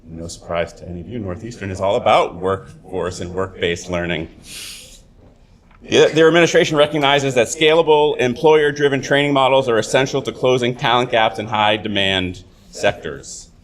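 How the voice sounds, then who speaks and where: A man, a university dean, delivering a prepared formal speech at a ceremony, often halting with uh fillers. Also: mid-range voice.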